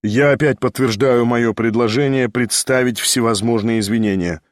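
A man's voice: mid-range voice, fairly even intonation, moderate pace, dry recording, studio quality, pitched below the performer's own voice, close to an everyday voice. A man voicing a composed aristocrat at a duel, firm and impatient. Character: cold, composed male aristocrat dueling.

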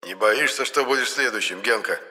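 A man's voice: fairly quick, sharp tone, big-room sound. A man voicing a spiteful male spirit trapped in a doll, shrieking and screeching. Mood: mocking. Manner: shrill, screeching.

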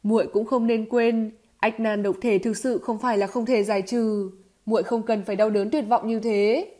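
Young male hero, read by a woman, steady, earnest, firm raised voice, warm mellow tone, storybook novel. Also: fairly high pitch, normal speed, natural voice.

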